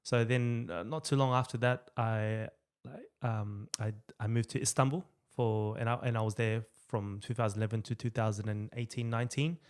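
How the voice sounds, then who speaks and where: A man's voice: medium pitch, steady tone, normal speed, clear, resonant tone. A man in his thirties with an Australian accent, a guest chatting casually in an interview with many fillers and restarts. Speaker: guest, rights activist.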